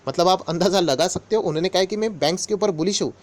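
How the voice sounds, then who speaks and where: A man with a slightly higher than usual voice walks his viewers through stock market news in a relaxed, talkative way. He addresses them directly as friends and falls back on the same filler phrases again and again. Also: very fast. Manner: conversational, mixes English words into Hindi, repeats filler phrases. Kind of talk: casual explainer talk to viewers.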